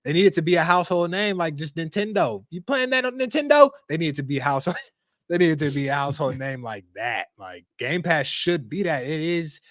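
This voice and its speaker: A man co-hosting a gaming podcast in casual, slangy chat, animated and laughing often. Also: a little high, a little fast, no room sound, studio quality. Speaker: podcast co-host.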